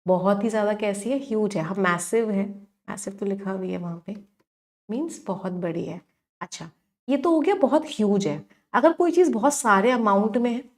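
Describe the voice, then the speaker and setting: A woman's voice: fairly high pitch, a little mellow. A young woman teaching exam-prep vocabulary, mixing in terms, asking questions and answering them herself.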